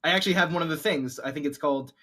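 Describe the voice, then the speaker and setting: A man playing a tabletop game, chatting quickly and laughing often. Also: fairly high pitch, bright, forceful tone. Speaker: player. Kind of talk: casual chat.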